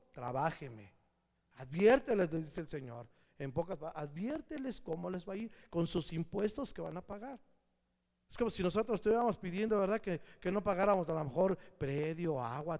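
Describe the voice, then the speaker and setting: A man's voice: sits high, darkish tone. A man with a Mexican accent preaching a sermon to a congregation in a loose, slangy way, sometimes putting on voices for the people he quotes. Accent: Mexican Spanish. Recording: long hall reverb.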